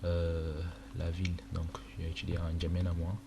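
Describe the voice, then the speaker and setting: This tutorial presenter is a young man from Chad, an Arabic native speaker with a low, flat voice and vocal fry. He narrates a screen-recorded walkthrough at his computer in an indoor room, casual and halting with frequent fillers, while keyboard clicks come through the noisy home recording.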